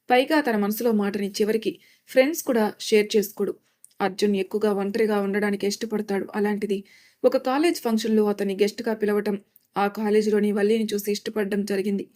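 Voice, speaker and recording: A woman storyteller reading a romance story aloud in steady scripted narration. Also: mid-range voice.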